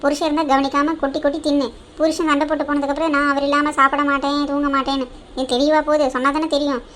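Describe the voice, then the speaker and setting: A woman's voice: sits high, level tone, a bit bright, slight background noise. A woman voicing a bossy scheming elder sister. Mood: brisk, teasing. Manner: brisk, teasing, commanding. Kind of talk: cartoon drama voice acting.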